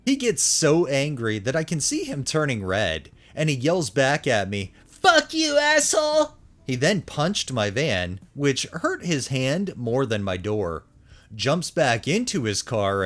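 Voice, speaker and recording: Man reading stories with lively intonation. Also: medium pitch. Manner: animated, swinging intonation. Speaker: narrator and host of a story channel. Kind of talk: reading online posts aloud with brief commentary.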